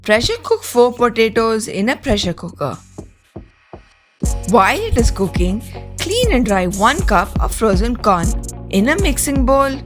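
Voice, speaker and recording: Slow woman narrating a recipe. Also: a little high. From India. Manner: calm, step-by-step instructions. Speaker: cooking channel host. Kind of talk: scripted recipe voice-over. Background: clear background music.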